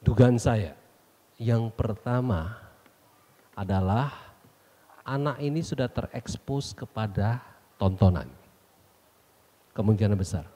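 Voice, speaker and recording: A man's voice: lowish voice, slow, long pauses, mellow. A middle-aged man, a pastor leading a church seminar's question time, reading out questions and speaking to the audience directly. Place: church hall. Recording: long hall reverb.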